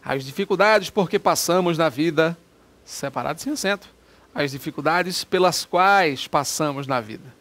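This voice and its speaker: A man's voice: on the high side, moderate pace, a bit bright. A man giving an informal grammar lesson on video, chatty and often checking that the viewer is following. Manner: chatty, asks for agreement often. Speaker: Portuguese grammar teacher.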